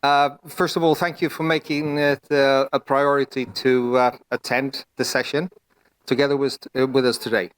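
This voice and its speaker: Man, Swedish accent, middle-aged, conference talk, halting, filler-heavy. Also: mid-range voice, level tone, smooth. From Sweden. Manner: hesitant, many fillers and restarts. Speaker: panel speaker. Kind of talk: conference presentation.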